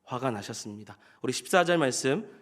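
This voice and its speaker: Brisk and a bit bright, this medium-pitched preacher uses lively intonation as he delivers his sermon. He often puts questions to the congregation and acts out quoted speech.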